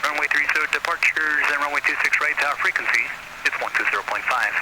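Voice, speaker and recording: A man's voice on an airport weather broadcast over aircraft radio, reading weather and runway information in a steady, clipped, formal way. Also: fairly high pitch, fast. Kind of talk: flat recorded weather and runway readout. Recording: radio broadcast under loud engine and static noise.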